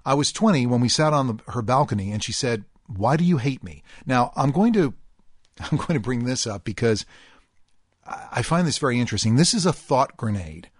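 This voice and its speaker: A middle-aged man with a slightly husky voice hosts a podcast and talks straight to his listeners. He speaks earnestly and deliberately and leans on key words. The sound is close and dry, with no room around him. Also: mid-range voice, animated, no room sound. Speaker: podcast host. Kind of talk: podcast monologue reading a listener posting.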